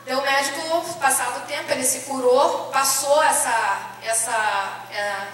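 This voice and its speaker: A woman's voice: sits high, unhurried, fairly bright tone. A Brazilian woman giving an emotional church testimony, telling her story with feeling and acting out the dialogue of the people in it, heard from a distant microphone. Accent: Brazilian Portuguese. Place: church hall, indoors. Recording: echoey church hall from far off.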